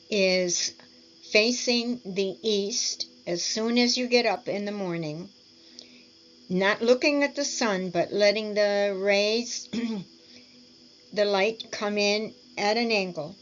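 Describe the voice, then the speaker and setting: A woman teaching speech and swallowing exercises, over-articulating practice words and clearing her throat often. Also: medium pitch, muffled recording, slight background noise. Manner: deliberate, over-articulated word drills with frequent throat clearing. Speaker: speech therapy instructor. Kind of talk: slow instructional walkthrough.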